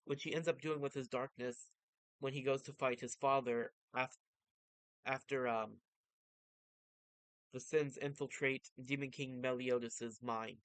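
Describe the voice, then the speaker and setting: Male vtuber, casual fan commentary, mid-pitched clean smooth voice, close dry sound. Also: a bit bright, dry recording, rough recording. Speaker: vtuber reading and commenting on manga.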